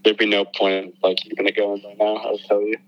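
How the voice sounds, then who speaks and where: A man's voice: lowish voice, completely flat delivery, brisk, fairly bright tone. A man on a phone call over speakerphone, chatting casually and denying things firmly in a laid-back way. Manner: laid-back, says dude, firm denials. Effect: heard over a phone on speakerphone. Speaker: friend called on speakerphone.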